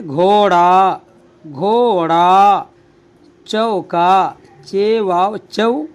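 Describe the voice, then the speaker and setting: Male teacher, drawn-out patient delivery, repeats each word for learners, leisurely pace. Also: sits high. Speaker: Urdu teacher. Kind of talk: slow spelling-out reading lesson.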